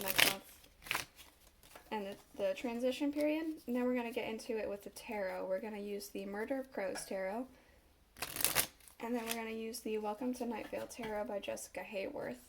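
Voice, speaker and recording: A woman with a congested voice, recovering from a cough, giving a casual tarot reading with halting pauses. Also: mid-range voice, background noise. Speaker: tarot reader.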